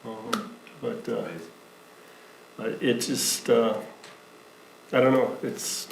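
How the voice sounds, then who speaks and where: A man shares remarks at a board meeting, pausing often and filling gaps with uh and um. He sounds sincere and a little choked up at moments. The room is echoey with a faint hum. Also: medium pitch, animated, vocal fry. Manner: halting, many fillers, emotional at times. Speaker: school board member.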